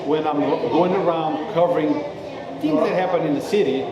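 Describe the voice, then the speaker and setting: Man from Mozambique, interviewee, earnest, slightly high voice, booming room with a loud crowd. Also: normal speed, dull audio. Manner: earnest, explains with frequent "okay?" checks. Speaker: interviewee, street videographer. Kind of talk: casual interview. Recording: very echoey room with crowd chatter.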